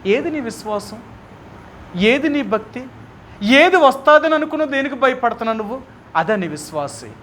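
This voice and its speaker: A man preaching a sermon at a prayer meeting, hammering his listeners with rhetorical questions and swinging between loud bursts and quiet drops. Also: extremely high pitch, expressive, normal speed, pauses often, a little hiss or hum. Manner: emphatic, keeps asking rhetorical questions. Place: prayer house.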